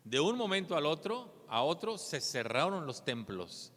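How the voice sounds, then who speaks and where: Earnest pastor preaching in reverb. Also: male voice, a little high, sing-song, measured pace, fairly bright tone. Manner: earnest, asks rhetorical questions with a tag "¿verdad?". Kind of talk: sermon.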